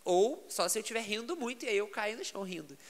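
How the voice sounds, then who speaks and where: A man, a pastor, with a Brazilian Portuguese accent, telling stories in a casual podcast chat, animated and given to laughing. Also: high-pitched, fast talker, big-room sound. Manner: lively storytelling, animated and laughing.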